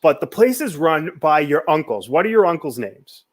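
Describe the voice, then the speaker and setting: Young Boston host, friendly ribbing, a touch high-pitched. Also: male voice, very animated, moderate pace. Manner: friendly, joking banter. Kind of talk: casual chat. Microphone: video call.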